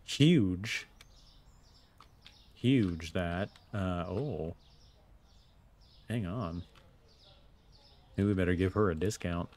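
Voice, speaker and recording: A man speaks extremely slowly in a low, darkish voice, pausing often as he casually comments on a store management game he's playing. He's a gameplay video host muttering his thoughts in a laid-back let's play, with slight background noise present.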